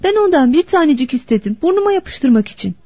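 A woman's voice: high voice, big pitch swings, quick pace, dark tone, no room sound, voice pushed up. Woman doing a small, whiny pleading boy. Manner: whiny, begging. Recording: dull dry lo-fi recording.

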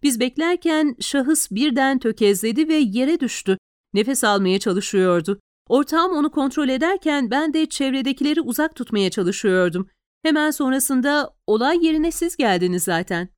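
A jittery young policeman, put on by a woman reading aloud, reports to his lieutenant, anxious and deferential. His voice sits noticeably higher than the reader's own, smooth and clear. The audiobook sound is close and dry. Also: expressive, no echo. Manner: anxious, deferential, hurried explaining. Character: nervous young male police officer.

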